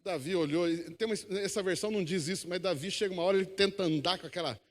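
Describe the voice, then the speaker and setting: A man's voice: sits high, racing. A man preaching a sermon, emphatic, calling the congregation to repeat after him. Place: church hall. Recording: long echo of a church hall.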